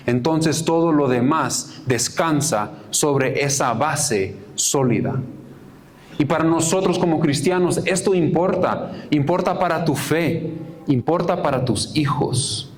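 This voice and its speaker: A man preaching a sermon as pastor, earnest, repeating key phrases for emphasis and reading scripture aloud, stopping to correct himself. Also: on the high side.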